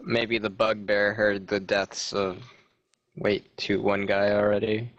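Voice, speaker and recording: A man's voice: fairly low pitch, level tone, takes it slowly, a bit bright, no room sound, lo-fi sound. A man playing in a tabletop game, chatting with dry, wry remarks. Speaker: player. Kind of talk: casual tabletop game chat.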